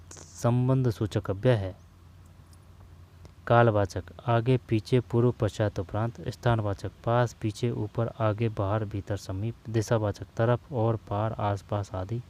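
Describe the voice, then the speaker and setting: A man's voice: on the low side, a little mellow. A man teaching a Hindi grammar lesson, listing words and repeating them so students memorize them, calling listeners brother. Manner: slow, repeating terms to drill them, addresses students as brother.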